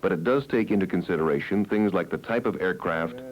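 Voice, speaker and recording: On an old 1970s film soundtrack, an American man with a deep voice narrates a training film from a script, measured and instructional. The sound is lo-fi, and a crowd can be heard in the background.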